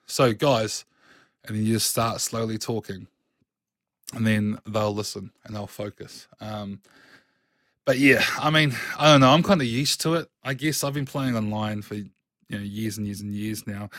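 Swearing, animated man. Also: fairly low pitch, dry recording, studio quality. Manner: animated, swears freely, emphatic. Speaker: game master podcast co-host. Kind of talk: casual chat.

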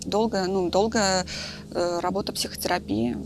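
A woman's voice: medium pitch, fairly even intonation, normal speed, gravelly, a little hiss or hum. A woman in her thirties talking candidly in a casual podcast conversation, thinking aloud with lots of fillers. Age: 30s. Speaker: guest, film director.

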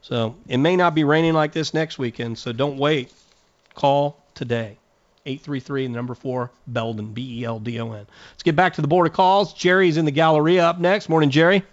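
Folksy radio gardening host. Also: male voice, a little high, steady tone, moderate pace, dry recording, dull audio. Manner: direct, folksy, advice-giving. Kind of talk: radio call-in talk and live ad read.

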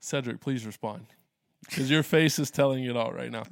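Male pastor, earnest, animated retelling, dry close sound. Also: mid-range voice, moderate pace, vocal fry, no room sound. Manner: earnest, retells exchanges with animated quoted voices. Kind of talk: conversational discussion.

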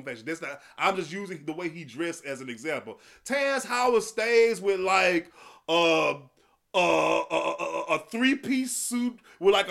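High, bright-voiced man ranting profanely. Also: gravelly. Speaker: podcast host. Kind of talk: solo commentary rant.

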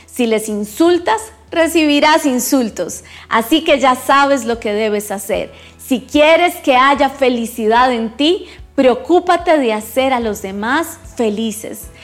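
A patient, kind father explains life to his son in an unhurried, teacherly tone, voiced by a woman narrating. The voice sits high and the pace is slow. Soft music plays faintly underneath. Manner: gentle, slow, instructive.

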